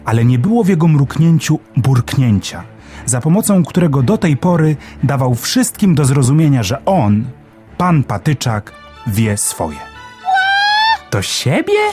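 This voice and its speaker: A man reading a children's storybook aloud as narrator, in a gentle, animated way. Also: medium pitch, unhurried, soft background music. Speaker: audiobook reader.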